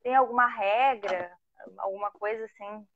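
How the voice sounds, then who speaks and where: A woman hosting a casual live chat, asking a teacher questions in a relaxed, conversational way. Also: mid-range voice, normal speed, no echo. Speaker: host interviewing a teacher. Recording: dull lo-fi live stream audio.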